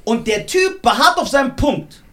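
A young man telling a story in casual podcast chat, excitable and acting out the voices of others. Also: very high-pitched, moderate pace. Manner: excitable, acts out quoted voices. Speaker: podcast host.

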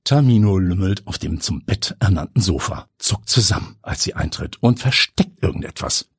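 Husky guy reading an audiobook, low voice, lots of pitch movement. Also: lively intonation, normal speed, no room sound, studio quality. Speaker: audiobook narrator. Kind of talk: scripted narration.

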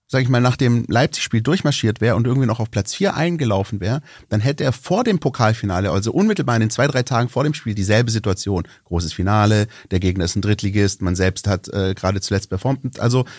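Hesitant lower-voiced man hosting. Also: a little mellow, no room sound, clean studio sound. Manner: hesitant, many fillers and restarts, thinking aloud. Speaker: podcast host. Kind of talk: casual podcast chat.

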